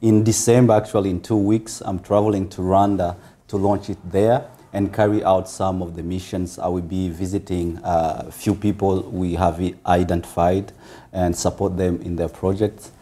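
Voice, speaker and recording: A man from Congo talks as a guest in a relaxed interview, his voice low and mellow. He takes his time and often pauses on fillers before going on. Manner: measured, with frequent pauses and fillers. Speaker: interview guest, foundation founder. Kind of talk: casual interview talk.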